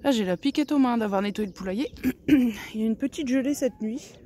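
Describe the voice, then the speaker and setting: A woman with a fairly high voice chats casually as she tends her hens outdoors. She slips into fond baby-talk with the birds between remarks to the camera. A faint hiss of outdoor noise sits under her voice. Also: fairly quick, warm tone. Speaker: backyard poultry keeper. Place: outdoors in a garden henhouse. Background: chickens and a rooster clucking.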